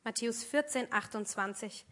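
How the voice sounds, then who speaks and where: A woman's voice: a little high, normal speed, fairly bright tone. A woman preaching a sermon, earnest and emphatic, speaking directly to her congregation.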